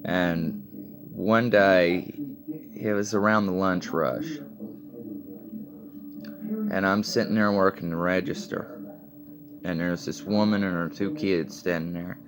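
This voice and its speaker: A man's voice: sits low, fairly even intonation, slow pace, long pauses, a crowd in the background. A man in his late twenties telling a personal story in a rambling, profane, casual way, full of fillers, while sitting at home. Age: late 20s. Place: sitting at home with coffee and a cigarette.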